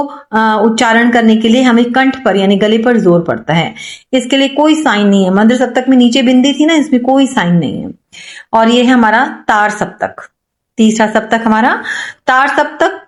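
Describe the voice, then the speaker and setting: A woman's voice: fairly high pitch, reverberant. A woman music teacher explaining a lesson, asking questions and answering them herself. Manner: asks questions and answers them herself, repeats key points. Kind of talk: classroom-style lesson explanation.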